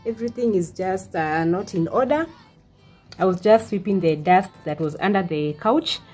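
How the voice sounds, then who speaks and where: A woman's voice: on the low side, normal speed, darkish tone, husky, soft background music. A woman in her twenties chatting casually in a home vlog, with frequent "uh" fillers, recorded in her living room. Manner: chatty, with many "uh" fillers and restarts. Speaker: vlogger.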